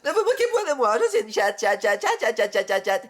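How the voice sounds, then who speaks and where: A woman doing a giddy high female cat. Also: very animated, brisk. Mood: teasing. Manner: sing-song repetition, laughing.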